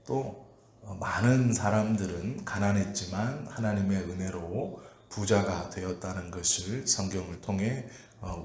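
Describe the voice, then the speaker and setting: A male pastor preaching an early-morning prayer sermon in a calm, measured way, pausing often with "uh". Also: lowish voice. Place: church sanctuary. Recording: echoey church room with faint ambient noise.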